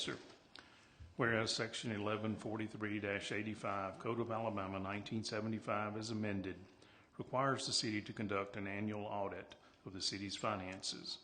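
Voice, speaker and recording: A man's voice: on the low side, sharp tone. A man, a city councilor, formally reading out a resolution. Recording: reverberant hall, faint background noise.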